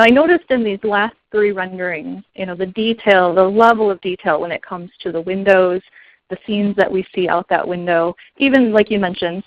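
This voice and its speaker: A woman's voice: medium pitch, dry recording. Upbeat woman hosting a webinar. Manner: upbeat and encouraging, with frequent fillers. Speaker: webinar host. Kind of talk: casual scripted webinar interview. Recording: muffled lo-fi online call audio.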